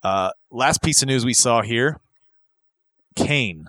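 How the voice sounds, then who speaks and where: A man's voice: medium pitch, animated, slow, a bit bright. A man co-hosting a podcast, chatting casually about wrestling news and rambling with fillers. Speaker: podcast co-host.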